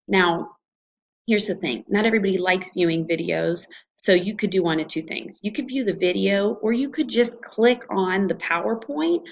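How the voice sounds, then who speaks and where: In this lo-fi clip, a woman with a gravelly, mid-pitched voice talks at normal speed. She's a college instructor from the Ohio Valley, by her American accent, giving an informal screencast walkthrough of her online course in a relaxed, explanatory way.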